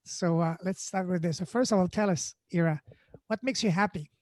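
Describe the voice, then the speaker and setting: A man's voice: sits high, fairly quick, a little mellow, no room sound, clean studio sound. A man hosting a podcast, enthusiastic and effusive in his praise. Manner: enthusiastic, effusive, many fillers. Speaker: podcast host. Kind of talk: casual interview hosting.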